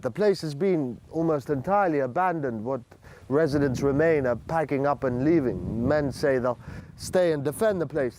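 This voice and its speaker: A man reporting as a war correspondent from the front line, with a grave, deliberate delivery in a TV news style. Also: a little high, a little mellow, a little hiss or hum. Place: outdoors in a village.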